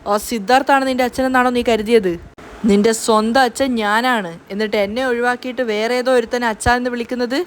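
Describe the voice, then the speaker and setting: A menacing kidnapper, harsh and threatening in every line, read by a woman in her own fairly high voice. The delivery stays close to plain storytelling, with only a light push of anger. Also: fairly even intonation, fast talker, slight background noise, close to an everyday voice. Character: menacing man kidnapping a young girl.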